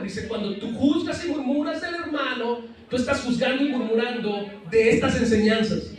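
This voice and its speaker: A man preaches from a pulpit in a very high voice that rings through a cavernous, echoing church. He picks up the sound from a distance and keeps throwing questions out to the congregation. Now and then he slips in playful asides between points. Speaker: pastor. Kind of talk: sermon. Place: church sanctuary. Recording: very echoey church hall, mic at a distance.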